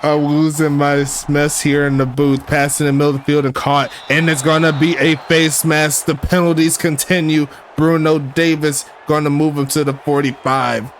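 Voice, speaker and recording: A man doing play-by-play commentary for a simulated football game from the booth, casual and quick to get excited. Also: a little high, slight background noise. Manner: excitable, breaks into shouts and laughs on big plays. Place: broadcast booth.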